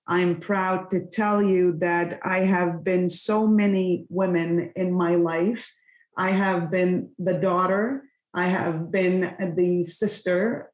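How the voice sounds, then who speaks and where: A woman in her fifties from Lebanon, speaking, telling her personal story candidly and earnestly as a podcast guest. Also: lowish voice. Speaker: guest, company executive. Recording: roomy echo.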